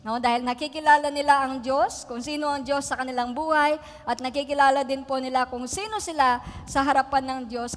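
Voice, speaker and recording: A middle-aged woman from the Philippines preaching a sermon, telling family stories in a chatty way, laughing often and checking in with the congregation. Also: sits high. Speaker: pastor. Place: church hall. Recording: long reverb of a church hall.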